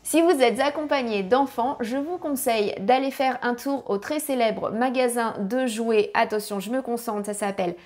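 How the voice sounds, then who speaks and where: A woman's voice: on the high side, normal speed, hardly any pauses, a little mellow. A woman narrating a family travel guide with practical tips, now and then apologizing for her English pronunciation.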